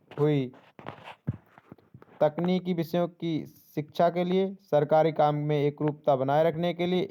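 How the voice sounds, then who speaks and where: A man's voice: fairly high pitch, warm tone, smooth. A young man tutoring exam questions in a casual spoken lesson, repeating each answer back and checking in with the listener. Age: young adult. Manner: repeats answers and asks "ठीक है?" often, restarts words.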